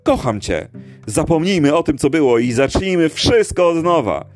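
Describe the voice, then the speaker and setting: A man voicing a brash, cheerful male late-night radio DJ with booming, preachy, folksy patter. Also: very animated, moderate pace, soft background music.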